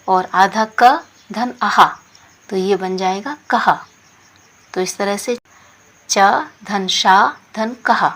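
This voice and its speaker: A woman teaching a lesson, saying each word slowly and then patiently explaining its meaning. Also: medium pitch, a bit bright.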